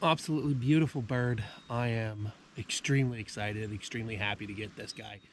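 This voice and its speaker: A man in his thirties from the USA, talking casually for his hunting vlog outdoors on a farm, halting and emotional with many fillers. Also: lowish voice, steady tone, slight background noise. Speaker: hunting vlogger.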